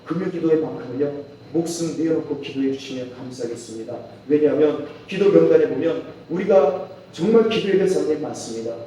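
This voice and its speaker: A man's voice: a little high, fast talker, warm tone, slight background noise. A male pastor preaching a fervent sermon that rises to impassioned pleading, recorded in a church sanctuary. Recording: echoey church hall from far off.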